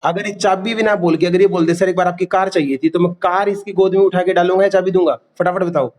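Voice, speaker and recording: Man, classroom lecture, quizzes students, somewhat high voice. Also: steady tone, fast, a little mellow. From India. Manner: quizzing students, repeating key terms. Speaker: teacher.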